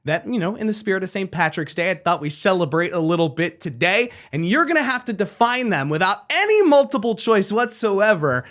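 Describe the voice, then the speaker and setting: A man's voice: high-pitched, big pitch swings, a little fast, hardly any pauses, a bit bright. A man hosting a radio trivia segment in a playful quizmaster manner. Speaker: radio show host running trivia. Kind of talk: casual radio banter.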